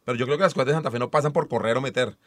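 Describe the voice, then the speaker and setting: A man on a sports talk show argues his case quickly and keeps pushing back with questions. His voice is bright and cutting, and he delivers it at a rapid clip. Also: mid-range voice, no room sound, studio quality. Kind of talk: casual football debate.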